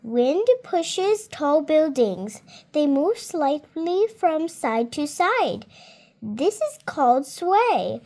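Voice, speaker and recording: A seven-year-old girl reads a children's nonfiction book aloud carefully, word by word, adding small comments of her own. Her voice is high and slightly dark, with big pitch swings and an extremely slow pace.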